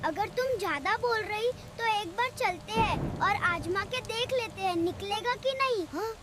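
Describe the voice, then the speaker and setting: A woman's voice: extremely high pitch, lively intonation, a little slow. A woman doing a grumbling rickshaw driver. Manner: grumbling, complaining.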